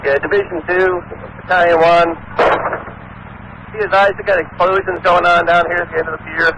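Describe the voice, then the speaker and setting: A man's voice: high-pitched, little pitch movement, normal speed. A man giving terse emergency updates as a firefighter over a two-way radio. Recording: noisy fire radio traffic.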